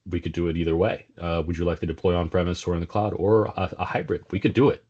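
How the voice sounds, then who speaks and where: A middle-aged South African man speaks low and fast in a flat, darkish voice, his South African accent carrying a slight Texas twang. He's a sales executive guesting on a casual business interview, talking conversationally with plenty of fillers and restarts. The recording sounds dull and lo-fi.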